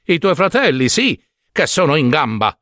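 A man's voice: a little high, very animated, moderate pace, fairly bright tone, no room sound, studio quality. A man voicing a stern, dismissive old father who scolds curtly in a storybook reading. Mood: scolding. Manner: scolding, curt.

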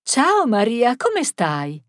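Woman putting on a shrill old granny, chirpy, high, cheerful, confused. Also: wildly swooping pitch, extremely slow, dry recording, clean studio sound, exaggerated voice.

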